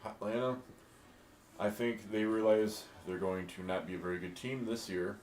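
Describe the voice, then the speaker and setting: A man in a casual discussion, thinking out loud in a relaxed way. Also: lowish voice, moderate pace. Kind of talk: casual draft pick discussion. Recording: echoey room with faint hiss.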